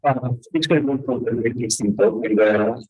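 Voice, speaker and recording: A man asking a question over a remote video call whose audio keeps breaking up and sounds underwater, speaking in a halting, hesitant way. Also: medium pitch, a little mellow, husky, no echo. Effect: breaking-up garbled call audio, sounds underwater. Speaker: audience member asking a question. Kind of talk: online seminar question. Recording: distant, garbled online call.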